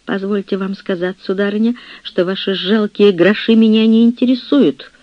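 A woman's voice: medium pitch, steady tone, normal speed, dry recording, highs cut off, pitched above the performer's own voice, natural voice. A man voicing a proud middle-aged noblewoman who talks back indignantly, in a storybook reading. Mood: defiant. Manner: indignant, defiant.

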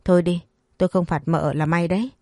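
A woman voicing a stern young husband who teases in a deadpan, cold manner. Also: lowish voice, fairly quick, no room sound, soft background music, natural voice. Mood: scolding. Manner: deadpan, dry teasing.

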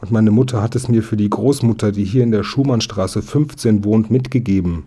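A man's voice: fairly low pitch, brisk, dark tone, breathy edge. A man voicing an indignant, eager young boy in a storybook reading, talking in agitated outbursts. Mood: urgent.

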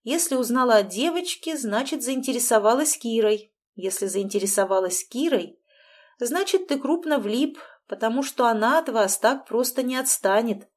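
A woman's voice: on the high side, lively intonation, moderate pace. A woman reading an audiobook, voicing a cheerful young pregnant friend with a teasing, matter-of-fact manner. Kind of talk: audiobook dialogue.

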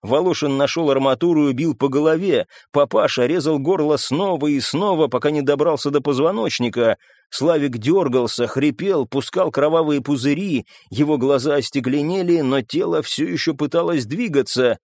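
A man's voice: a little high, moderate pace, darkish tone, no room sound, studio quality. A man narrating an audiobook in a tense, dramatic reading. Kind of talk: scripted narration.

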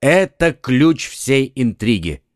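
A man voicing a quick-witted young swordsman in an audiobook, urgent and commanding. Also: mid-range voice, very animated, no echo, studio quality.

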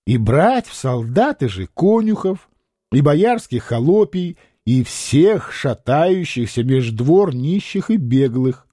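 A man's voice: medium pitch, big pitch swings, slow, dark tone, no room sound, clean studio sound. A man reading an audiobook, voicing an evasive, greedy provincial governor with a fussy manner. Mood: reading aloud.

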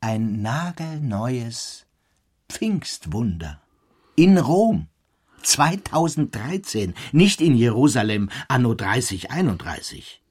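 An actor playing an excitable scholarly man who earnestly and emphatically tells his story in a radio play. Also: medium pitch, slow, husky, heavily acted. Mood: absorbed recounting. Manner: emphatic, rhetorical.

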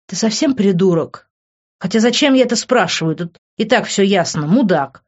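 A man's voice: high-pitched, lively intonation, moderate pace, muffled recording, voice pushed up. A reader voicing a sarcastic, teasing young man who mocks his friend in an audiobook. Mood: mocking. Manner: teasing, ironic.

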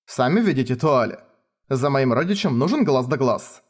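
Sion: male narrator as an unruffled, teasing young king, polite and sly, lively pitch. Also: moderate pace, close to an everyday voice. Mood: innocent.

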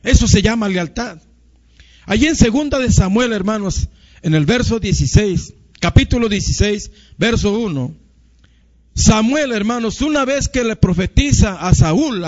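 A male preacher giving an impassioned sermon, often addressing his listeners as brothers. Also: very high voice. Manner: impassioned, repeats "hermanos". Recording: muffled lo-fi recording.

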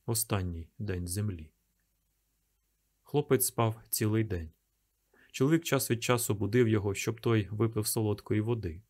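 A man reading a novel aloud in calm, measured audiobook narration. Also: on the low side.

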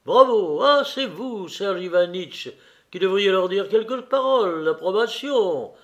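A man's voice: sits high, lively intonation, measured pace, fairly bright tone, voice pushed up, full character voice. A man voicing a cheerful, talkative middle-aged nobleman who speaks eagerly and effusively in a read novel.

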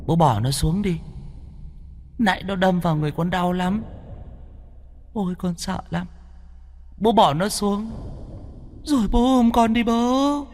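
A man voicing a demon disguised as a young son, talking in a high, whiny, pleading voice. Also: unhurried, long pauses, a little mellow, in a large hall, slight background noise. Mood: wheedling.

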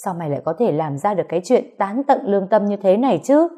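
A woman's voice: medium pitch, animated, quick pace, mellow, voice pushed up, natural voice. A woman voicing an older mother in a read-aloud story, scolding her son in distress. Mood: distraught. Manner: scolding, wailing.

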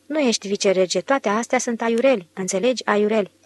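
A woman's voice: medium pitch, lightly acted. A woman reading the part of a young female doctor, friendly and patient.

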